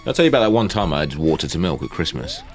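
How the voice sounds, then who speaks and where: Low-voiced man telling rambling stories. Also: big pitch swings, rapid-fire, faint music behind. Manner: rambling anecdotes with quoted voices and swearing. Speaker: podcast co-host. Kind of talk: casual chat, storytelling.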